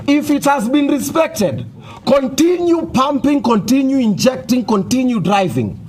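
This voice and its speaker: A man's voice: very high-pitched, sing-song, measured pace, breathy edge. A man with a Kenyan accent gives a fiery revolutionary political speech as an activist spokesperson, rallying people with repeated phrases and call and response. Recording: loud crowd responding around speaker. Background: crowd answering and chanting.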